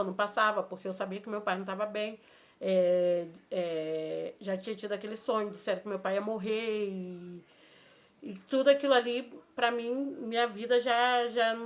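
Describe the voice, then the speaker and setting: A Brazilian Portuguese woman telling a personal story in a vlog, emotional and halting, often repeating her phrases. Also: mid-range voice. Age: adult with a child. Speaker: vlogger.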